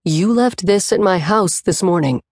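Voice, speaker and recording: A woman narrator voicing a gruff, possessive young man who growls his lines low and menacing, in an audiobook. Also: lively intonation, a little slow, a little mellow, no room sound, clean studio sound.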